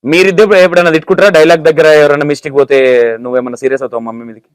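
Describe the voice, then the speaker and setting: A man's voice: on the high side, steady tone, very fast, no room sound. A man with a Telangana accent conducting a casual interview, asking teasing, playful questions. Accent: Telangana Telugu.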